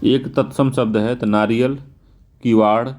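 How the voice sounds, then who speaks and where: Man explaining Hindi test answers slowly. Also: medium pitch, steady tone, warm tone. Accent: North Indian Hindi. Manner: repeats words slowly, drawn-out emphasis. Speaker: exam prep teacher.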